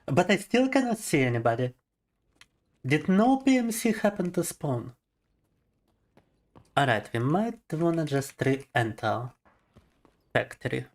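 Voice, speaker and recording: A man's voice: fairly high pitch, big pitch swings, unhurried, long pauses. A man and native Russian speaker chatting casually on a gaming livestream, laughing often and explaining things to viewers as he plays, into a desk microphone.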